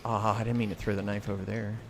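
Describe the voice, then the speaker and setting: A man's voice: fairly low pitch, flat delivery, quick pace. An American man hosting a livestream, chatting casually and commenting while he plays. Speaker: livestream host and gamer. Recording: clear noise, game sounds behind. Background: video game sound and clacking arcade buttons.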